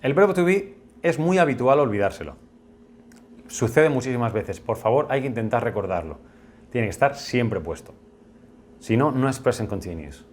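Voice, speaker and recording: Spanish guy teaching english grammar in a video lesson, patient, goes over things twice, mid-pitched voice. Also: expressive, moderate pace, darkish tone. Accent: Spain Spanish. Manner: patient, explanatory, repeats key points.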